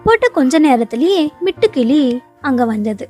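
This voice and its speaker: A woman narrating a children's cartoon story, calm and storytelling. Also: high-pitched, normal speed, soft background music. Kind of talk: scripted narration.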